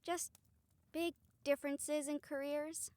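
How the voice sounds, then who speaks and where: In a fantasy audio roleplay, a woman acts as a wry, caring young friend, talking intimately and one-sidedly to a single listener. Her delivery is casual and hesitant, with chuckles and mild swearing, and the mood is candid and wry. The voice is high but flat, slow and darkish, in a dry recording.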